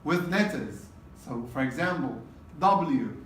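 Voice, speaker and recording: Teacher lecturing in an echoey classroom. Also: male voice, mid-range voice, animated, takes it slowly, a little hiss or hum. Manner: repetitive, checks in with "okay?". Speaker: exam prep teacher. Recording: roomy classroom from a distance.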